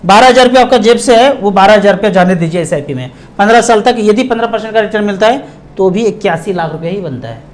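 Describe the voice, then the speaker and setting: A high-pitched middle-aged man from India walks viewers through investment questions. He talks emphatically, slowing down and splitting words apart to hammer each point home. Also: expressive. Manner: emphatic, slows down and breaks words apart for stress. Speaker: mutual fund distributor.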